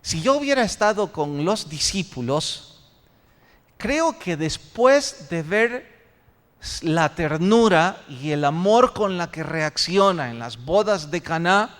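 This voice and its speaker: A man's voice: high-pitched, expressive, slow pace, a bit bright. A man preaching a sermon as pastor, posing rhetorical questions to his congregation. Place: church sanctuary. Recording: long church reverb.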